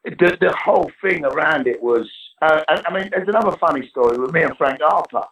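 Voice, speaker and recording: Middle-aged man, husky and creaky, lively pitch, coarse slangy raconteur, dry lo-fi sound. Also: fairly quick, slight background noise. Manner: swearing, slangy, laughs at own stories. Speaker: guest actor. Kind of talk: animated storytelling. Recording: slightly dull lo-fi sound.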